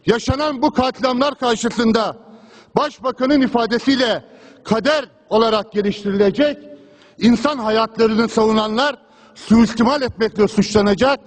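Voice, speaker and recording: A man's voice: very high voice, moderate pace. A man in parliament gives an impassioned political speech at a rostrum microphone, hammering a repeated refrain. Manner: impassioned oratory with a repeated refrain, pressing on through interruptions. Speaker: member of parliament giving a speech. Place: parliament chamber, speaking from the rostrum. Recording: long hall reverb from a large chamber.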